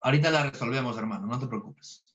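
A man's voice: fast talker, fairly bright tone. A man tutoring a chemistry review class online, joking and teasing his students as he goes. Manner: playful, teasing, jokey with students. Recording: dull low-fidelity audio.

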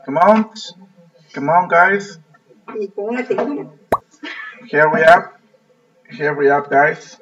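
Male English teacher, patient and repetitive, slightly high voice, muffled distant sound. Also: slow, a bit bright, husky. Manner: repetitive, coaxing, laughs often. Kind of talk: online class teaching, mixing Spanish and English. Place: online video class.

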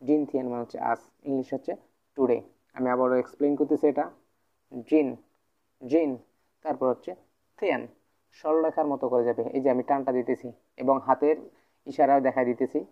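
Gravelly-voiced man teaching over a tinny line. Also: fairly even intonation, a little fast. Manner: repetitive drilling of words, frequent filler 'thik ache'. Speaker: language teacher. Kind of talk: explaining Mandarin words in Bengali. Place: at a whiteboard, indoors. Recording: phone-like low-quality audio.

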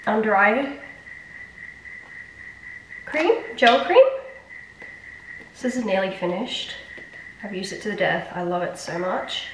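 A woman's voice: mid-range voice, a little hiss or hum. Woman, stuffy nasal voice, chatty and rambling, echoey bathroom, mic a bit far off. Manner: chatty, self-deprecating, rambling asides. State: congested, nasal from blocked sinuses. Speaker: beauty vlogger. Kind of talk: casual skincare vlog chat. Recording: echoey room, mic at a distance.

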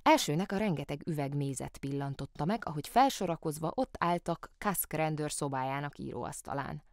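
A woman, an actress, narrating a children's storybook in an expressive, animated way in a studio. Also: low-pitched, no echo. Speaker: audiobook reader, stage actress. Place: theatre sound studio. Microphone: studio microphone.

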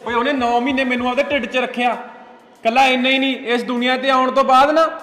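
Casting: man as a fast-talking, angry young husband, high voice, echoey hall and music. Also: lightly acted. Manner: angry, shouting tirades. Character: hot-tempered young village husband, devoted to his mother.

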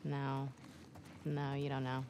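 A woman's voice: rumbling low, monotone, takes it slowly. A woman playing a tough, dry, skeptical young woman in video game dialogue. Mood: teasing, dismissive. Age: young adult.

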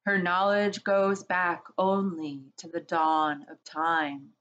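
Brief: noble male lion, calm, solemn, deep-ish and unhurried, voiced by a woman storyteller, muffled recording. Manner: slow, solemn and grave.

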